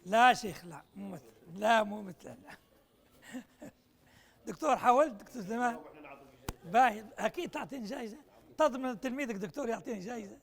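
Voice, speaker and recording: A man's voice: very high-pitched, brisk, vocal fry, long pauses, fairly bright tone. A man running a puzzle exercise at a conference workshop, teasing and urging participants, mixing Arabic and English. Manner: playful, teasing, urging people on; switches between Arabic and English.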